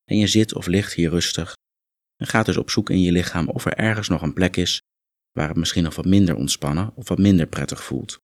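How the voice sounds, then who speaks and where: A man guiding a muscle relaxation meditation, calm and instructive, gently coaxing the listener along. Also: deep voice, brisk, dry recording, clean studio sound. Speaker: relaxation exercise guide.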